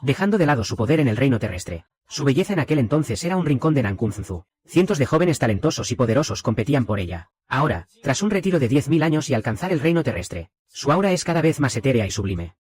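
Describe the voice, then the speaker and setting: A man narrating a fantasy comic recap in first person, with rapid, animated scripted storytelling. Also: medium pitch, husky, no echo.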